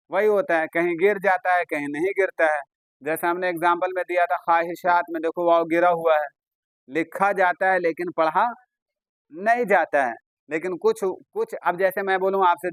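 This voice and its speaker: A man's voice: sits high, fairly bright tone, no room sound, rough recording. Repetitive Urdu-accented male teacher. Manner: repetitive, questioning students, drawn-out explaining. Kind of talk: classroom grammar lesson.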